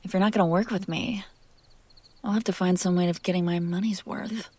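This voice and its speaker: A woman with a fairly low, mellow, slightly rough voice acts out a possessive demon who teases in an intimate scripted roleplay. Her intonation is fairly even, though she delivers lines theatrically, dragging them out and dipping to whispers. Puzzlement and exasperation color her tone.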